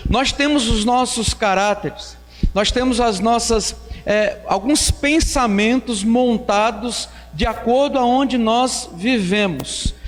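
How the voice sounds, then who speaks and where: A man's voice: very high-pitched, takes it slowly. Guy preaching a bible study, chatty with lots of "é" and questions, echoey church. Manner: conversational preaching with fillers and rhetorical questions. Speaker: pastor.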